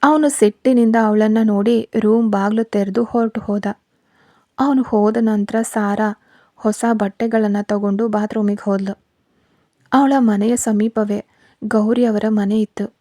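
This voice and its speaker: A woman storyteller narrating a scripted story in a steady, even way. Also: medium pitch, dry recording.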